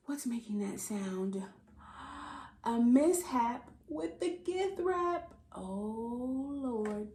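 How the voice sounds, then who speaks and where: Speaking slowly in a fairly high pitch, this American woman reads to kids at storytime, addressing them directly with expressive, theatrical flair. Silly sound words get an exaggerated, dramatic treatment. There's a roomy echo in the room, plus a little background noise.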